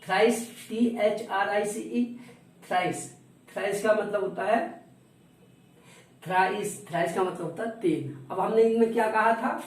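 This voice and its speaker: A man teaching a lesson who repeats each word slowly and spells it out letter by letter. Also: high-pitched. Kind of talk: classroom lesson. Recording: roomy echo, distant from the mic, faint noise.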